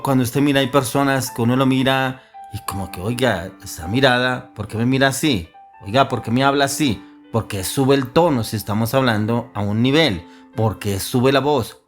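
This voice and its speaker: A man preaching a sermon, earnest and firing off rhetorical questions. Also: mid-range voice.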